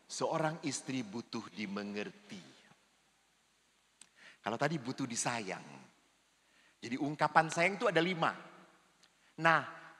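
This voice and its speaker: Priest leading a family seminar, high bright voice, playful and lively, reverberant church hall. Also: male voice. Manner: lively, jokey, acts out spouses' lines. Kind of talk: humorous seminar talk. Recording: long reverb of a large hall.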